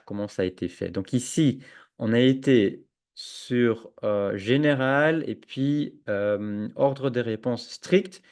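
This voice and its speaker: Man, fairly low pitch, software tutorial, hesitant, filler-heavy, computer mic. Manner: hesitant, many fillers and restarts. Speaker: educational software trainer. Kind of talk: screen-share tutorial demo. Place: at a computer, webinar with chat. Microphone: own computer microphone with noise suppression.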